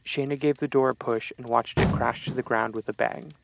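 A man reading a scripted horror story in a steady, measured storytelling way. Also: mid-range voice, gravelly, heavy background noise. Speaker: narrator.

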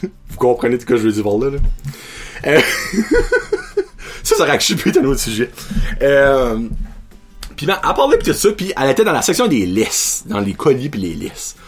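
Quebecois guy rambling crude stories, husky voice, swoops all over, faint music behind. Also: mid-range voice, normal speed, pauses often. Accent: Québécois French. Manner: crude, profane and animated, with frequent laughs. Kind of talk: casual rambling storytelling monologue.

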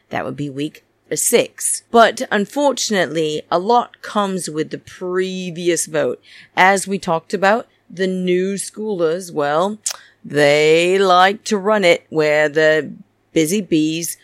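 In studio-quality, dry sound, a woman with a lowish voice runs her own reality TV recap podcast, playing the opinionated, gossipy diva in a campy, theatrical way.

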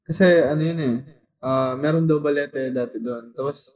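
A man's voice: mid-range voice, moderate pace. Chatty young Filipino man, lo-fi sound. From Philippines. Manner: storytelling, lively, with many fillers. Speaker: podcast co-host. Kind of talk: casual chat. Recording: dull lo-fi echoey sound.

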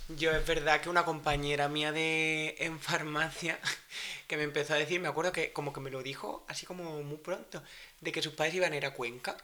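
A woman's voice: sits low, fairly even intonation, a little fast, pushed and bright, slight background noise. A woman co-hosting a casual podcast, telling a funny story about a friend and quoting her. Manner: anecdote teller, quotes people with laughter. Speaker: podcast co-host. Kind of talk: casual group chat.

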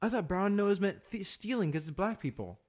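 A young man with a slightly raised voice tells a rambling, casual story, swearing freely and padding his sentences with fillers. His delivery is relaxed and conversational, like a podcast co-host chatting with a friend. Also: high voice, brisk. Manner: laid-back, profane, rambling with fillers.

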